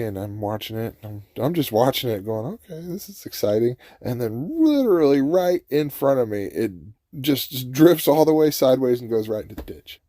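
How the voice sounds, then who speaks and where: Folksy man, mellow storyteller, dry close sound. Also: on the low side, no room sound. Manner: folksy, chatty, chuckles often. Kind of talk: casual storytelling.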